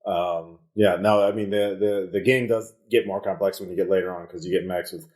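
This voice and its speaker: Relaxed lower-voiced man running the game. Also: fairly quick. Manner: relaxed, hesitant, many fillers. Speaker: game master. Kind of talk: casual post-game chat.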